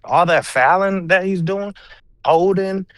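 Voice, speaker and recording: A man's voice: high voice, a little slow, fairly bright tone, dry recording. Teasing, slangy man in sports banter. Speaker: podcast co-host. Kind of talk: casual sports debate.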